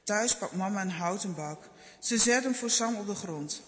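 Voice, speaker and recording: A man reads a children's Bible story in a gentle, measured way. His voice sits high and light, and a long reverb hangs on each sentence. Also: lively intonation, slight background noise. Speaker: narrator.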